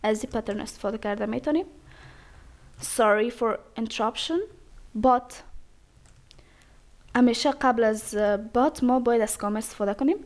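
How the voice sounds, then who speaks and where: A woman teaching English phrases, saying each example slowly and carefully and then explaining it quickly. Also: fairly high pitch, a little mellow.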